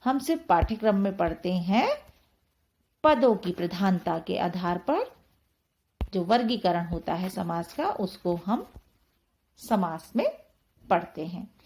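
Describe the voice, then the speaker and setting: Slow, methodical woman teaching Hindi grammar. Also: lowish voice, sing-song, darkish tone. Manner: slow, methodical, repeats key terms. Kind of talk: explanatory grammar lesson.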